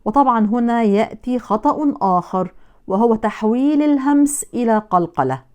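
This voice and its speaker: Smooth-voiced woman teaching Quran pronunciation. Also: fairly high pitch, lively intonation, a little mellow. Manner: measured, explains each sound and contrasts right and wrong forms.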